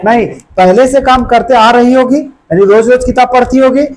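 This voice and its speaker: A man's voice: very high-pitched, moderate pace, darkish tone, poor audio. A man teaching a grammar lesson to a classroom of students, drilling them with constant questions in a colloquial, repetitive way.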